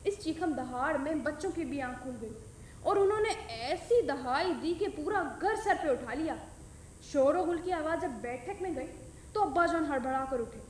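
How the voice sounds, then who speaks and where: A woman telling a comic story in the dastangoi style, lively and expressive, in an echoey room. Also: high-pitched, normal speed, a little hiss or hum.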